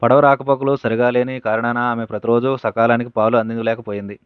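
A man reading devotional stories aloud from a book at a steady pace, sometimes stopping to correct a word. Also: medium pitch, fairly quick, smooth, no room sound. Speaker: reader of spiritual teachings. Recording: narrow phone-like dry audio.

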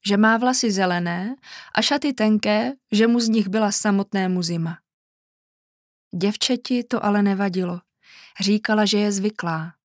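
Calm woman reading a children's story. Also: medium pitch, no echo, studio quality. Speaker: audiobook narrator.

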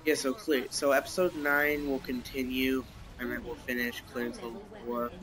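A man's voice: mid-range voice, little pitch movement, moderate pace. A young man casually commenting while playing a racing game, rambling and reacting aloud, with the hiccups. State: has the hiccups. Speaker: gameplay commentator. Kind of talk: casual let's-play commentary.

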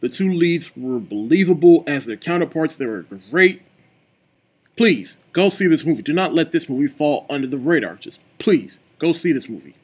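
A man giving a casual, chatty movie review, with a relaxed delivery full of fillers like "like" and "you know.". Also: fairly high pitch, moderate pace, husky. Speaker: film reviewer.

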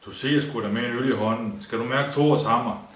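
A man voicing a drunk young Jutlander at a festival camp, rowdy and loud, with a Jutlandic accent. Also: mid-range voice, lightly acted. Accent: Jutlandic Danish. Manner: rowdy, boisterous shouting. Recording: roomy, distant mic, faint ambience.

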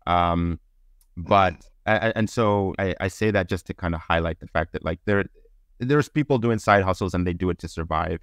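On an indoor video call, a middle-aged man who grew up in Zambia and then lived in Belgium talks through his podcast interview answers, thinking aloud in an explanatory, conversational way. His voice is low-pitched yet fairly bright, at a moderate pace, with studio-quality audio and no room sound.

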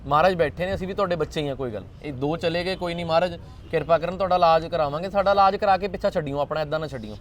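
A man's voice: on the high side, rapid-fire, slight background noise. A man hosting a charity street interview, consoling and reassuring the people he speaks with. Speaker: charity volunteer host.

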